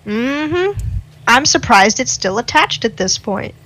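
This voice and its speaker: A woman's voice: a little high, big pitch swings, slow pace, fairly bright tone, poor audio. A young woman co-hosting a podcast in casual chat, telling stories with lots of fillers and teasing her friends. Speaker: podcast co-host.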